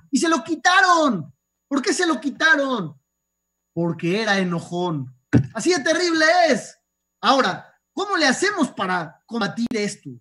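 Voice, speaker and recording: A rabbi giving a sermon, telling stories and asking his listeners questions. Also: extremely high pitch. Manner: lively storyteller asking the audience rhetorical questions. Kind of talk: sermon with storytelling.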